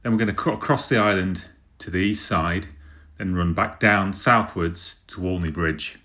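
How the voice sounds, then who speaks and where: A man's voice: low voice, normal speed, sharp tone. A middle-aged man giving a plain voice-over explanation of a route. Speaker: vlogger introducing a route.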